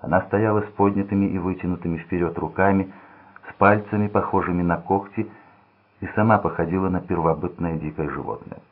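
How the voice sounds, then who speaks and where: Deep, husky male audiobook narrator. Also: steady tone, brisk. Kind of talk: scripted narration of a thriller. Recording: tinny phone-like sound.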